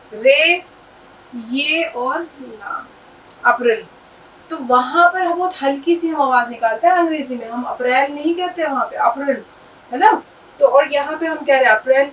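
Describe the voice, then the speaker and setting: A high-pitched woman teaches a classroom lesson, spelling words out one letter at a time. She speaks patiently and explains each point, set back from the mic with a faint hiss in the background. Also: far from the mic, low-quality recording. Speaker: Urdu teacher.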